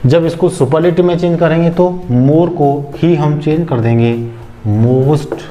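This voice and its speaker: Mellow-voiced man teaching grammar. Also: on the high side, a little hiss or hum. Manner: slow, step-by-step explanation with rhetorical questions. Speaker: English teacher. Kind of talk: explaining grammar on a whiteboard.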